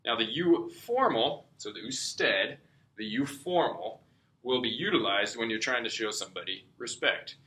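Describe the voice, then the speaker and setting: A man's voice: mid-range voice, lively intonation, moderate pace, pushed and bright. Patient man tutoring in an echoey room. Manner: patient, step-by-step, frequent "okay?" check-ins. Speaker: Spanish tutor. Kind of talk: whiteboard lesson explanation.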